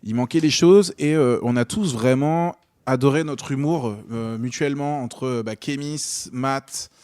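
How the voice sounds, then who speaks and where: A man's voice: medium pitch, a little slow, a little mellow, smooth, no echo. A young man from Normandy chatting casually as a podcast guest, enthusiastic and full of fillers and restarts. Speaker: guest comedian and comedy club organiser.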